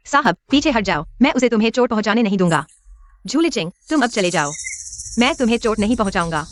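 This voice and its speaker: A woman's voice: on the high side, animated, fast, a little hiss or hum, lightly acted. A woman voicing a loyal young female maid skilled in martial arts in a dubbed short drama, steadfast and resolute.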